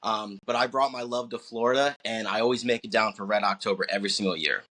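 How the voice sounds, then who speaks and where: A man's voice: lowish voice, fast talker, sharp tone. A young man from New Jersey hosting a casual podcast interview, upbeat and friendly as he asks questions. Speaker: podcast host.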